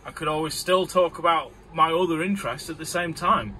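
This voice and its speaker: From inside a tower crane cab high above a site, a man from Morecambe with a northern English Lancashire accent rambles through his work as a crane operator in a casual vlog, chuckling easily. His voice is a little high, bright, and forceful, and he talks slightly fast; the low-quality recording has slight background noise.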